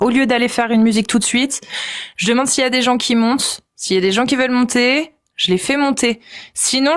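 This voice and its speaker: A French-speaking woman hosting a casual live stream, relaxed and hesitant, with many fillers. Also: sits high.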